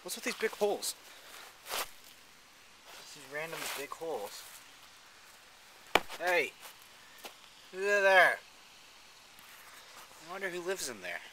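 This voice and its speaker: A man's voice: fairly high pitch, sing-song, slow, pauses often, noisy background. A young man chatting casually to a handheld camera outdoors, rambling and joking as he goes. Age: young adult. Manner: rambling, jokey. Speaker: vlogger, house painter. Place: outdoors around a wooden deck and yard. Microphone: camera held at arm's length.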